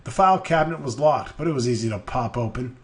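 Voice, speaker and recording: Profane deadpan let's player man. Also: medium pitch, fast. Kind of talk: reading game text aloud with crude jokes.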